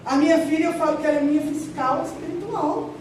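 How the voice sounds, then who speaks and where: Middle-aged lady pastor preaching, high voice, big echoey hall, sounds far off. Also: fast talker, a little hiss or hum. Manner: lively, joking, acts out little voices. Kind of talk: conversational sermon. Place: large church hall at the altar.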